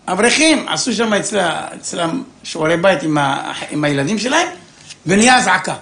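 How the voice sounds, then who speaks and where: An older man telling a funny story from his own life, animated and acting out the voices of the people in it. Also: sits high, vocal fry, slight background noise. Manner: animated, acts out voices, chuckles. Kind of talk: comic personal storytelling. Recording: roomy echo.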